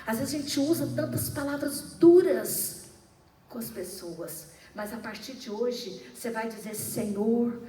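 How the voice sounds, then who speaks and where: A woman's voice: fairly high pitch, unhurried, dark tone, a little hiss or hum. A middle-aged woman pastor with a Brazilian accent preaching a fervent sermon, calling out to the congregation with frequent hallelujahs. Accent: Brazilian Portuguese. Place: church. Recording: echoey room, mic at a distance, faint ambience.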